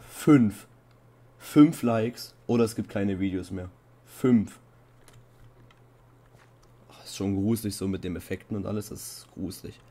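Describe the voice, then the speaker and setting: A young man hosting a horror game playthrough in casual commentary, playing up mock fear and breaking into high panicked shouts. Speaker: Minecraft let's-play host.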